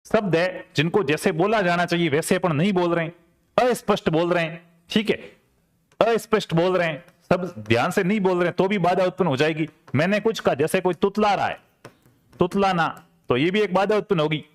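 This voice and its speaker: A man's voice: high voice, a little fast. A man, teaching an exam-prep lecture conversationally and repeating key terms with rhetorical check-ins. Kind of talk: classroom lecture.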